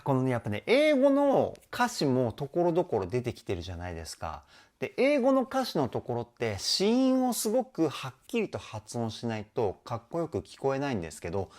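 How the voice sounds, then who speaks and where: Reacting to a music video, this male vocal trainer with a medium-pitched, slightly mellow voice analyzes the singing in a lively, talkative way. He frequently adds ね and demonstrates by singing brief snippets.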